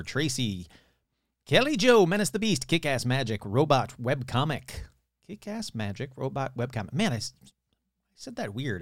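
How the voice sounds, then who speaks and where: A man's voice: fairly high pitch, fairly bright tone, no echo, studio quality. A man hosting his podcast, chatting casually in a loose, rambling, playful way with some swearing. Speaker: podcast host.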